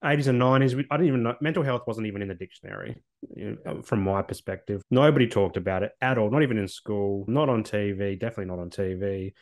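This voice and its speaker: Earnest, low-voiced Australian man. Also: fast. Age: late 30s. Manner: earnest, with frequent restarts. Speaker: podcast guest, social worker. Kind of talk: reflective personal storytelling.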